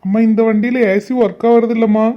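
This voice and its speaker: A woman's voice: fairly high pitch, steady tone, a little fast, highs cut off, background noise, lightly acted. A woman voicing a meek, deferential male family driver.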